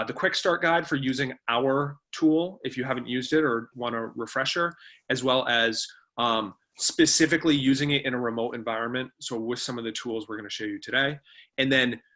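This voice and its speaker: Speaking with a bright, forceful tone at medium pitch, this company co-founder hosts an online webinar from a remote setup. His presentation is casual, and he walks through ideas in a chatty, conversational manner.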